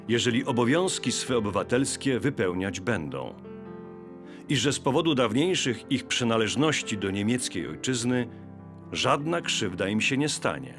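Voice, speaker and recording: An actor playing a formal, dignified German mayor, giving a ceremonial official speech in a historical drama. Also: male voice, medium pitch. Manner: ceremonial, measured declamation. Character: formal, dignified German mayor handing over his city. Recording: music clearly playing behind.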